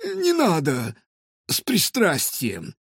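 An indignant scruffy alley cat. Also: male voice, very high voice, sing-song, breathy edge, dry recording, studio quality, voice pushed up, exaggerated voice. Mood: wary. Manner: squealing, indignant, fast protests. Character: scruffy, whiny male street cat, a petty thief. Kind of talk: audiobook character voice.

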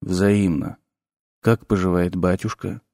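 A gloomy professor-necromancer with a hoarse, hushed growl, as a male audiobook reader puts him on, deep and quiet. He speaks coldly and slowly, with quiet menace in a dry, close recording. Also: fairly even intonation, dry recording, exaggerated voice.

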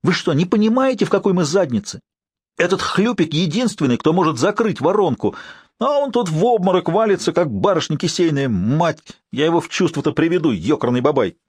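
A man voicing a hot-tempered wiry man who yells and swears coarsely in an audiobook. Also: fairly high pitch, a little slow, few pauses, slightly rough, no room sound, clean studio sound, pitched above the performer's own voice. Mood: furious. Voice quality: yelling, coarse.

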